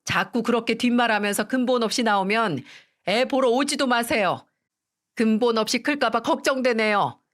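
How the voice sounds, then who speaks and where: A woman voicing a protective middle-aged mother who speaks in a measured, stern way through clenched teeth. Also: a little high, pitched above the performer's own voice, lightly acted. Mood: stern indignant. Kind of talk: storytelling radio, acted quote.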